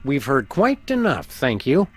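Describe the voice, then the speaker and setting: A man's voice: mid-range voice, wildly swooping pitch, unhurried, slightly rough, exaggerated voice. A man playing an easygoing, earnest, folksy dog detective in a video game. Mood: wry. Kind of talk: video game character acting. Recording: music behind the voice.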